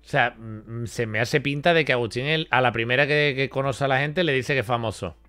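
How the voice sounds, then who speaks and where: A man's voice: mid-range voice, a little fast, bright, forceful tone, clean tone, soft background music. A man hosting a reaction stream, commenting incredulously and repeating his points for emphasis. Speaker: host reacting to a clip.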